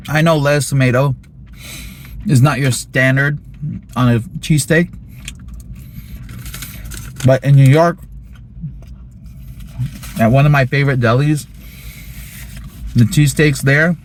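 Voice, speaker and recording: A man's voice: mid-range voice, steady tone, measured pace, pauses often, slight background noise. A man giving a casual food review to viewers, talking with his mouth full and humming appreciatively as he chews. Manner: chewing and talking with mouth full between bites; savoring hums and mm sounds.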